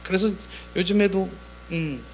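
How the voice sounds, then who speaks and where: High-voiced male pastor preaching conversationally. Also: unhurried, a little hiss or hum. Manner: conversational, repeats key phrases; acts out prayers in an intimate, whispering tone. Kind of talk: sermon.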